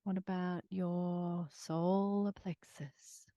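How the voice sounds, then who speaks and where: A woman instructor leading a calm, casual grounding exercise in a movement workshop, gently encouraging in short phrases. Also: fairly low pitch, drawn-out words, dry recording, highs cut off.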